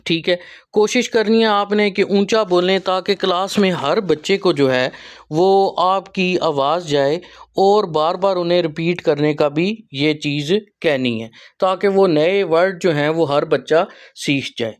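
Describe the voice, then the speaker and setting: Man, Pakistani Urdu accent, high-pitched, teacher trainer, explanatory, halting. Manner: explanatory, with frequent pauses and fillers. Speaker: teacher trainer and channel host.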